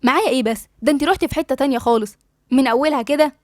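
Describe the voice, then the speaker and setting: A woman's voice: high-pitched, racing, darkish tone, no room sound, clean studio sound, natural voice. A woman with an Egyptian accent voicing an affectionate, coaxing young woman friend in an audiobook. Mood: teasing. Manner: coaxing and teasing. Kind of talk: audiobook dialogue reading.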